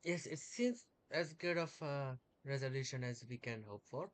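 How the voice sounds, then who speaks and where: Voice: mid-range voice, normal speed. A streamer giving casual, playful commentary while playing a game and talking back to the characters. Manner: playful, chatty, talks to the game.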